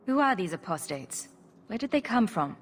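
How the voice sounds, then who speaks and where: An actress playing a sarcastic, confident adventurer heroine in a video game, with a dry, teasing manner. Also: female voice, mid-range voice, big pitch swings, moderate pace, a little hiss or hum, natural voice. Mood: questioning.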